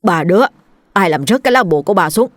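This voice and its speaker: A woman's voice: mid-range voice, expressive, fast, no room sound, studio quality, close to an everyday voice. A woman voicing a jumpy, guilt-ridden middle-aged father who stammers when caught. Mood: angry. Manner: stammering, flustered.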